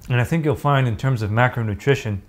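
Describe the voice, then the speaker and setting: A man casually reviewing and tasting food on camera, chatty and relaxed, sometimes talking with his mouth full. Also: mid-range voice, quick pace. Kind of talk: casual food taste-test vlog.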